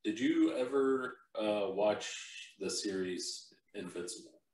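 The host of this whiskey-tasting podcast has a lowish, slightly mellow voice and speaks slowly. His chat is casual and laid-back, wandering with frequent fillers, and the recording is roomy, captured from a distance.

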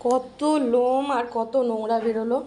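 A woman's voice: fairly high pitch, little pitch movement, moderate pace, mellow, slight background noise. A woman vlogging casually around her home and yard, coaxing and chatty, often repeating herself. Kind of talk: casual vlog narration. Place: home and yard with wood stove.

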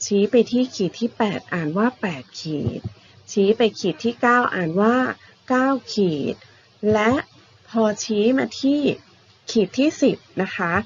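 A woman teacher with a mid-range voice gives young primary school pupils a patient, repetitive math lesson, often ending phrases with polite particles. The recording is muffled, with a little hiss or hum.

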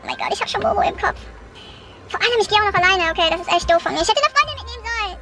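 A young woman vlogging to camera in a car and outdoors at night, anxious and often addressing her viewers, with her voice sped up and squeaky. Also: expressive, very fast. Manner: anxious, keeps calling the viewers "Leute". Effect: sped up, squeaky high pitch. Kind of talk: horror challenge vlog to camera. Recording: background music under the voice.

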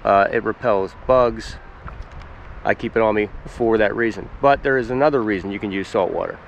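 Out in the spring woods, a Pennsylvania man in his forties kneels and chats plainly to the camera about his foraging gear, relaxed and full of fillers. His fairly low, gravelly voice moves at normal speed, and the lo-fi sound has slight background noise.

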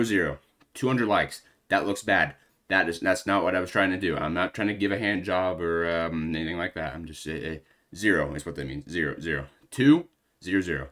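A man's voice: low voice, a bit bright. A young man hosting a reaction video in casual, rambling chat, slangy and full of fillers, a bit out of breath.

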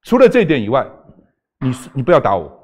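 A man's voice: medium pitch, wildly swooping pitch, fast talker, a little mellow. An older man, a talk show guest arguing emphatically and firing off rhetorical questions. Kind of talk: political talk show debate.

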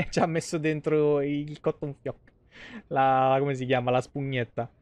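Slow and level, with a darkish tone, an Italian man's mid-range voice carries his live game commentary. The talk is colloquial and rambling, captured by a close desk microphone in a small indoor streaming room.

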